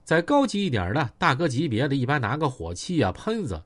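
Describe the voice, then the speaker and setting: A man's voice: medium pitch, huge pitch swings, fairly quick. A man narrating a story in a chatty, vivid colloquial manner, with asides to the listener.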